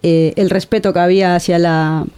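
She is a guest content creator from Argentina, speaking at normal speed in a fairly low, steady, dark, clean voice with an Argentine accent. Earnest and reflective in this casual interview, she often restarts words and uses "¿no?" as filler.

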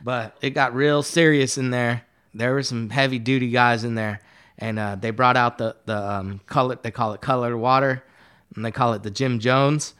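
A man in a casual podcast interview, telling a long story in a relaxed, meandering way. His voice sits in an ordinary middle pitch, and he scatters fillers and curse words throughout. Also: moderate pace, clean tone. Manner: rambling, laid-back, profane, many fillers. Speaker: guest artist.

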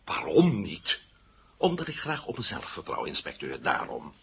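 In a full character voice, a man plays a sarcastic, defiant adventurer under arrest and held for questioning, recounting events. His deep, gravelly, slightly rough voice moves at normal speed with huge pitch swings and sharp shifts in loudness.

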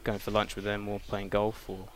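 A man with an English accent talks easily about his life as a racing driver. His voice sits a little low, and his humor is dry and self-deprecating. The tone is loose, podcast-style chat. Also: monotone, normal speed. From England.

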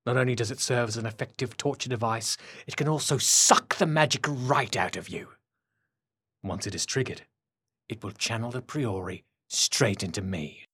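A man's voice: mid-range voice, fairly bright tone, slightly rough, dry recording, studio quality. A man voicing a mocking, menacing villain. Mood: mocking menace. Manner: taunting, slow and menacing, sometimes whispering. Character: cruel scheming male villain, mocking. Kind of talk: audiobook character voice.

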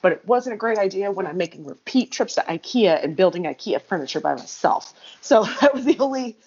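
A woman's voice: medium pitch, animated, fairly quick, darkish tone, breathy edge, dull audio. A woman co-hosting a casual chat, telling long rambling stories and laughing often.

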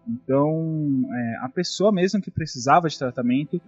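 A Brazilian man hosts a casual chat, a bit high-pitched and husky, swearing as he tells stories with indignation. The recording is dull and lo-fi. Faint music plays underneath. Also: moderate pace. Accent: Brazilian Portuguese. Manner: profane, indignant storytelling. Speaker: podcast host.

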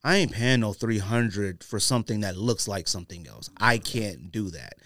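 With a fairly low voice at a moderate pace, an American podcast host spins a casual, slangy tale and performs imagined quotes along the way. The studio sound is clean and dry.

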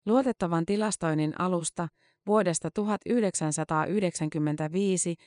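News feature narrator, scripted reading, steady and measured, mid pitch, dry close sound. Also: clear, resonant tone, no room sound. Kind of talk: scripted narration of a long-form news article.

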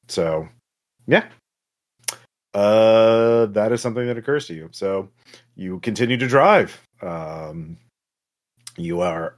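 Here a man narrates as a tabletop game's game master, off the cuff and casual, stumbling along with drawn-out pauses. His pitch is fairly low.

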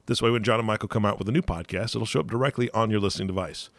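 A man hosts a podcast in a casual but practiced way. He talks fast in a fairly low, gravelly voice, recorded dry with no room sound. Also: no room sound. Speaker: podcast host and announcer. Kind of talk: casual hosting, podcast sign-off.

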